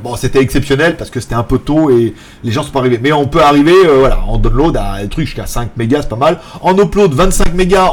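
Lively jokey French-speaking man rambling. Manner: rambling and jokey, laughs often, mimics others in a high voice. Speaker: tech YouTuber hosting a daily live. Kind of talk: casual live chat. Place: apartment in Thailand.

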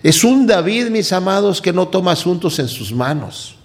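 A male preacher with a raised, gravelly voice, delivering a sermon. he talks in an animated way, firing off rhetorical questions and acting out the quotes he reads. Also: high voice, moderate pace.

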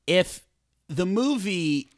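A man's voice: sits high, animated, extremely slow. A man co-hosting a casual film podcast, wry and conversational, often trailing off and restarting. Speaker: podcast co-host. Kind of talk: casual film review chat.

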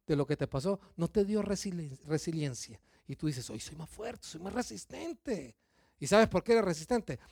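A middle-aged man preaching a sermon, lively, firing questions at the congregation and acting out their excuses. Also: a little high, dry recording, studio quality. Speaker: pastor.

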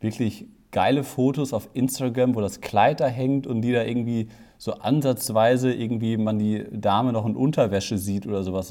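A man co-hosting a casual podcast, a wedding photographer telling a lively anecdote and acting out quotes. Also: medium pitch. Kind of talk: casual storytelling chat.

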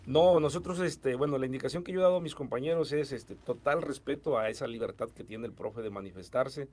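A man's voice: medium pitch, darkish tone. A middle-aged man with a Mexican Spanish accent, an education official answering interview questions with many fillers and restarts. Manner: fast, hesitant with many fillers.

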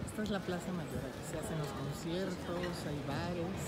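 A woman's voice: fairly low pitch, moderate pace, a loud crowd, very noisy. A woman, chatting and exclaiming as she vlogs around a city. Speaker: vlogger. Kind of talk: casual travel vlog. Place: out and about in a city.

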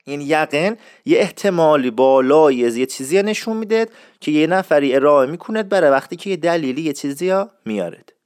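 A man hosting a casual spoken lesson, explaining slowly and repeating words for practice, in a friendly, chatty way. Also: fairly high pitch, expressive, darkish tone, clear, resonant tone, no room sound, clean studio sound. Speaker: podcast host teaching a dialect.

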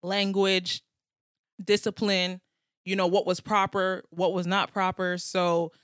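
Thoughtful woman guest, lowish dry voice. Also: flat delivery, slow, no room sound. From United States. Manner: thoughtful, searching for words. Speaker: podcast guest. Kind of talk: casual chat.

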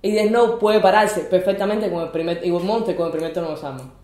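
Fast-talking woman arguing. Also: on the low side, fairly even intonation, reverberant, a crowd in the background. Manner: fast, insistent, interrupts to hold the floor. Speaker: podcast guest. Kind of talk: heated casual debate.

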